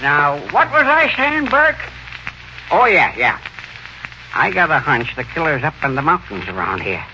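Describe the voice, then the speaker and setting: Nosy old desk clerk, high animated voice, folksy stammer, 1940s radio acting, faint noise. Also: male voice, a little slow, exaggerated voice, poor audio. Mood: gossipy.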